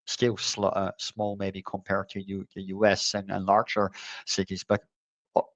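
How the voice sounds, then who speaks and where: A middle-aged man born in the Netherlands, chatting as an interview guest, with a halting way of talking full of fillers and repeated words. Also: deep voice, monotone, no room sound, poor audio. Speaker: conference co-organizer, guest. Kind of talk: casual conversational interview.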